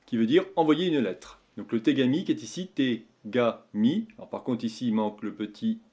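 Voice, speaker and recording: A man's voice: medium pitch, expressive, fast, warm tone. A man teaching Japanese writing in a casual tutorial. He talks step by step as he draws and is easygoing about his mistakes. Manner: talks while drawing, says "hop" and "hein". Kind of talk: casual screen-drawing tutorial.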